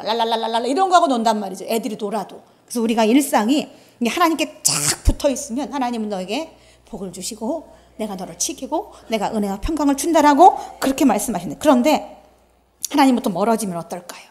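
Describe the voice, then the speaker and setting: A middle-aged woman with a high voice delivers a Sunday sermon from the pulpit. She preaches earnestly and conversationally, telling stories and acting out the lines she quotes. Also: a little mellow. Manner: earnest, storytelling with acted-out quotes. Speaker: pastor.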